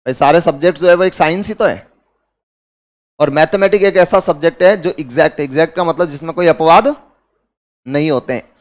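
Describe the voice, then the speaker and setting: An English teacher with an Indian accent gives a grammar lecture in class, his voice on the high side and a little fast, with frequent pauses. He poses questions to his students and then answers them himself.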